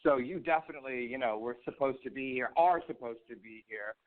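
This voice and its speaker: A US East Coast man with a head cold hosts a radio show, sounding snotty as he chats casually, jokes and swears. His mid-range voice moves a little fast. The audio is very noisy and lo-fi, like a phone line.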